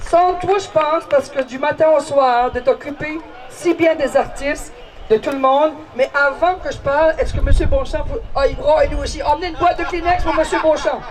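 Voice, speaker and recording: A woman's voice: high voice, normal speed, a faint crowd, rough recording. A woman with a Quebec French accent co-hosting from an outdoor festival stage, playful and teasing. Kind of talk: lively stage emceeing. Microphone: handheld stage microphone.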